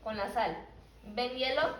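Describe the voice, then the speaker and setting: At a normal speed and fairly high pitch, a preschool teacher reads a picture book aloud and runs a question-led lesson for small children. Her prompts are simple questions and phrases she repeats often. The indoor classroom recording is roomy, with a distant mic and faint background noise.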